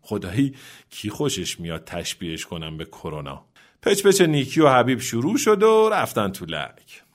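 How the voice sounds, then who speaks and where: Male storyteller, middle pitch, humorous and chatty. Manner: humorous, conversational. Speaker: host and storyteller. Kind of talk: narrated storytelling.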